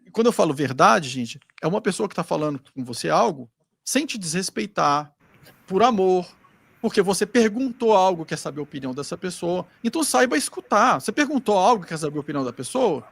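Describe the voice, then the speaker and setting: A man's voice: high-pitched, lively intonation, fairly quick, creaky, breathy edge, no echo. A Brazilian man giving a casual spiritual talk, rambling and acting out bits of dialogue as he goes. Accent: Brazilian Portuguese. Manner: rambling, acts out quoted dialogue. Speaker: spiritual group speaker.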